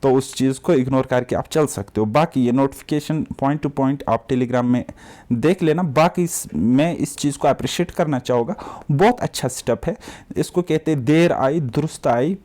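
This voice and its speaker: A man's voice: medium pitch, normal speed, dark tone. A man teaching exam preparation, talking straight to his students in a casual, encouraging way, mixing English words into Hindi and checking in often with "okay". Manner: straightforward, repeats "ठीक है" and "okay" as check-ins. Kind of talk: casual direct-to-camera exam update.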